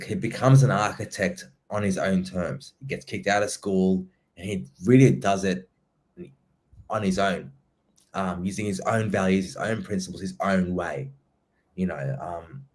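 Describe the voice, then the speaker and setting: A man from Somalia, hosting a casual podcast interview and speaking haltingly, with many restarts and repeated words. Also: deep voice, darkish tone. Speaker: podcast host, writer and poet.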